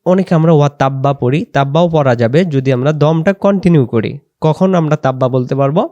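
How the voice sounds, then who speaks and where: A man teaching correct recitation, patiently spelling out letters and vowel marks, then reciting slowly with long drawn-out vowels. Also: on the high side, mellow, no echo, highs cut off. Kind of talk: slow pronunciation lesson.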